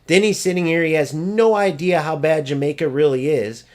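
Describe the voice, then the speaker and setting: A man's voice: a little high, normal speed. A man ranting over gameplay footage, exasperated, profane and mocking as he vents about an opponent. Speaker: gaming streamer.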